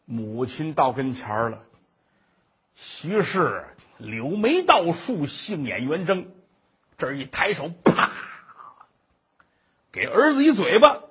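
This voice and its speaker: A man telling a traditional Chinese story in a dramatic, animated way. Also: high-pitched, husky. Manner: animated, dramatic, many voices.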